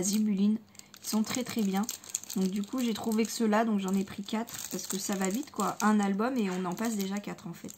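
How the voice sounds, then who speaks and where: A woman talks through her scrapbooking haul in a loose, hesitant way, stopping for fillers and doubling her words. She gushes happily about each item, her voice at an ordinary middle pitch, with a faint hum of room ambience behind her. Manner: enthusiastic about materials. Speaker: scrapbooking vlogger. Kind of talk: casual haul video chat.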